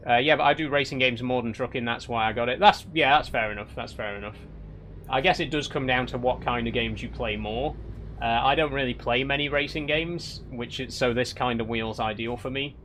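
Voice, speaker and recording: A young Yorkshireman with a mid-range, fairly bright voice talks briskly and casually on a live stream, reading out viewer comments. He restarts often and teases lightly and wryly, with a little background noise behind him.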